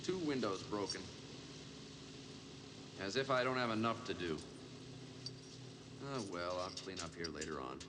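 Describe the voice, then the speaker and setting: A chatty older caretaker. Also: male voice, low-pitched, unhurried, long pauses. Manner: chatty, folksy. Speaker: building caretaker. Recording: noisy film soundtrack.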